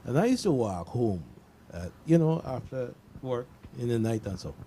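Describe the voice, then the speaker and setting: On a panel, a Caribbean-accented man speaks casually and shares personal anecdotes, his medium-pitched voice dark in tone and very animated at a normal pace. He's emphatic, repeats himself to drive points home, and checks that listeners follow. A little hiss or hum sits under the recording.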